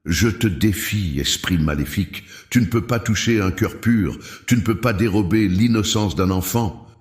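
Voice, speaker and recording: A man's voice: lowish voice, moderate pace, a little mellow, natural voice. A man doing a fervent commanding priest. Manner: commanding, full of authority. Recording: roomy echo.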